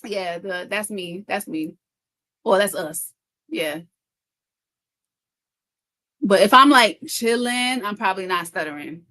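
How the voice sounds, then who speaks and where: This content creator hosts an informal livestream in a medium-pitched voice with a bright, forceful tone. Reading comments aloud and answering them conversationally, she speaks quickly, trips over words now and then, and restates phrases for emphasis.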